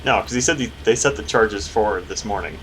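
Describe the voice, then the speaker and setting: A man's voice: fairly low pitch, brisk, fairly bright tone. A man giving casual, wry, explanatory commentary while playing a video game. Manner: wry, explanatory, lightly joking. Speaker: gamer host. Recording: clear game noise behind. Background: video game sound effects, vehicle noise.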